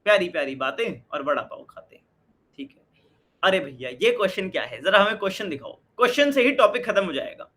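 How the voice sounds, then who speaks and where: A man's voice: high voice, very animated, a little fast, sharp tone. A young Indian man teaching an exam-prep lesson in mixed Hindi and English, asking questions and answering them himself. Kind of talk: energetic Hindi-English lecture.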